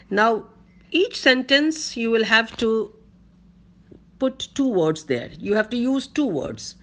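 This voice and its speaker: A woman with an Indian English accent giving a college grammar lecture, dictating slowly and repeating each point so students can take notes. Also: mid-range voice, a bit bright. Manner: slow, deliberate dictation, repeating words for note-taking.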